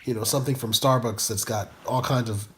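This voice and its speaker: A man's voice: medium pitch, steady tone, a little fast. A man co-hosting a casual couples vlog, rambling and joking. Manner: rambling, jokey, self-correcting. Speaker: vlog co-host. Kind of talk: casual chat.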